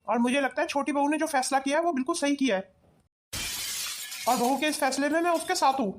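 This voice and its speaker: A woman's voice: high-pitched, fast talker, background noise, lightly acted. A woman voicing a fair-minded older father-in-law in a cartoon, lecturing his wife. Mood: reproachful. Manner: reproachful, lecturing. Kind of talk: cartoon voice acting.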